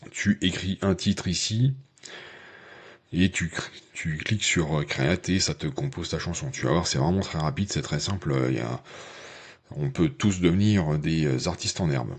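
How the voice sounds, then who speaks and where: A man's voice: extremely low pitch, moderate pace, husky. A man hosting a tech channel, talking the viewer through a tutorial in a chatty, hesitant way with lots of fillers. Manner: addresses viewer informally. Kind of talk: casual screen-share tutorial.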